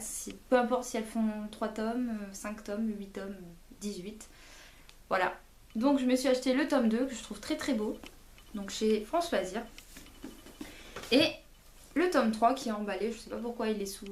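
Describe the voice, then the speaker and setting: A woman's voice: on the high side, darkish tone, a little hiss or hum. Chatty woman, echoey room. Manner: chatty, many fillers and self-corrections. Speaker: book vlogger. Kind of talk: casual book haul chat.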